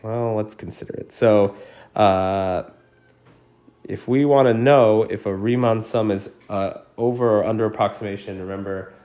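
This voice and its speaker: A man teaching calculus in a casual screencast lesson, thinking out loud and checking in with his students, coughing now and then. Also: on the low side, steady tone, normal speed. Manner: casual, thinks aloud with frequent "right?". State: coughing repeatedly. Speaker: math teacher. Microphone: screencast recording mic.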